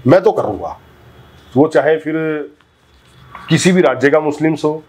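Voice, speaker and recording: This man speaks as the guest in a heated political interview. He argues insistently, talks over the person asking questions, and sometimes wanders through restarts and fillers. His voice sits fairly high but sounds dark and husky. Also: animated, moderate pace. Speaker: interview guest, community leader.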